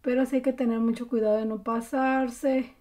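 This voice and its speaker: A woman giving a relaxed, chatty makeup tutorial, with many fillers. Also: fairly high pitch, moderate pace. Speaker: beauty vlogger.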